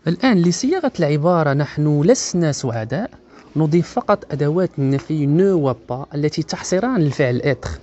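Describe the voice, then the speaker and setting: Male teacher from Morocco, mellow voice, patient slow repetitions, lo-fi beginner lesson audio. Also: on the high side, animated. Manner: slow, drawn-out model phrases repeated for learners. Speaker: French teacher.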